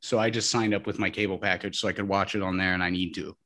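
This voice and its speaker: A man's voice: low-pitched, fairly even intonation, fast, bright, forceful tone. A man co-hosting a podcast, chatting casually and cursing freely. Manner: easygoing, profane, a bit rambling. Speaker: podcast co-host. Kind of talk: casual chat.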